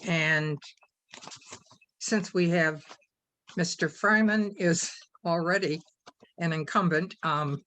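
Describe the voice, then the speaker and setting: A woman moderating a candidate forum, laying out rules and introducing speakers in a measured way. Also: fairly low pitch, a bit bright. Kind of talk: formal moderating.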